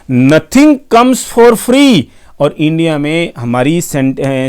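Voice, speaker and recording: A man's voice: medium pitch, a little mellow. A man giving a casual explainer monologue, emphatic, repeating points and answering his own questions. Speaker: tech explainer YouTuber.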